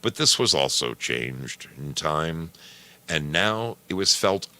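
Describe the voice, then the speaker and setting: Here a storyteller and program host delivers a scripted short story. He speaks in an extremely deep voice with a gravelly, creaky quality, proceeding deliberately in measured phrases and letting his intonation swing lively.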